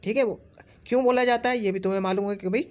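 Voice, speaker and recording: High-voiced man teaching Arabic grammar. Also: fairly even intonation. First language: Urdu. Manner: repeats example words slowly, asks "theek hai?". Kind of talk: explaining a grammar lesson.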